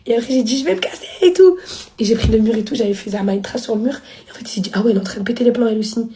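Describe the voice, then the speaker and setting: A woman in her twenties telling a personal story on a livestream in casual slang, acting out quoted lines with sudden high jumps. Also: dark tone. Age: 20s. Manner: rapid slangy talk, acting out quotes with big pitch jumps. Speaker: live streamer.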